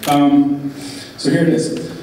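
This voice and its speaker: A man giving an informal wedding speech as the groom, talking in a halting, candid way with wry asides. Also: fairly high pitch, little pitch movement, warm tone. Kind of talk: informal wedding speech, partly read aloud. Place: large reverberant event room with audience. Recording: echoey hall, distant mic, background noise.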